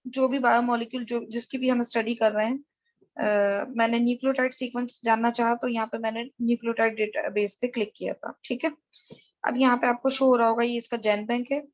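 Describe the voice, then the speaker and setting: Female lecturer, high register, methodical tutorial delivery; dry, dull lo-fi recording. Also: little pitch movement, a little fast, no room sound. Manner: methodical, step-by-step explaining to viewers.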